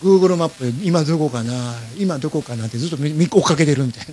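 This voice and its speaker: This podcast host has a Kansai accent and a higher-pitched voice, and he races through his words against a faint hiss or hum. Sharing a travel tale in relaxed storytelling style, he animatedly performs the dialogue of himself and everyone else involved.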